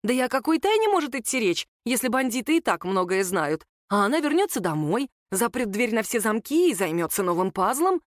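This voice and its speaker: A woman narrating an audiobook in an expressive storytelling manner. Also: a little high, a little fast, few pauses, no echo, studio quality. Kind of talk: scripted narration.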